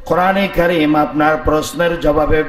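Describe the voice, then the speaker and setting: A hoarse man preaching a sermon who calls out questions to the crowd and chants verses. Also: fairly high pitch, fairly even intonation, moderate pace, roomy sound, poor audio. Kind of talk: Bengali waz sermon.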